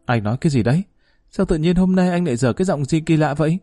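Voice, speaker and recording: A man voicing a fiery, sharp-tongued young woman in a spoken story. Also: a little high, expressive, fast talker, dry recording, studio quality, soft background music, voice pushed up, lightly acted. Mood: distraught.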